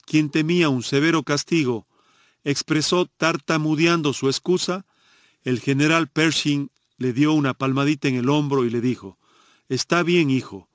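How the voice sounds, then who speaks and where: A man narrating a nonfiction audiobook in a measured, steady reading. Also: mid-range voice, no room sound.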